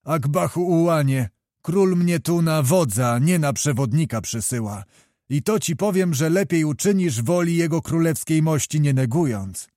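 A young knight with a fiery temper, stern and commanding, leaning hard on his words, as a male audiobook reader puts him on. The tone is warm and mellow. The sound is close and dry. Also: fairly high pitch, a little slow, dry recording, natural voice. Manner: stern, presses words with emphasis. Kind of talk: audiobook character voice.

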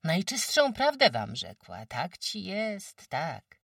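A woman's voice: on the low side, wildly swooping pitch, slow pace, vocal fry, a bit bright, slightly rough, dry recording, clean studio sound, far from the mic, voice pushed up, heavily acted. A woman voicing a careworn peasant farm wife who talks emphatically in rustic speech, lamenting her troubles. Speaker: farm housewife.

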